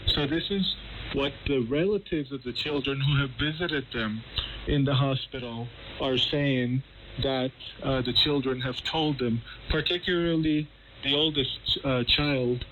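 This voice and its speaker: Heard via shortwave radio with faint background noise and poor quality, a male correspondent explains the news during a live interview. His voice is medium in pitch, fairly bright and unhurried, conversational with occasional hesitation.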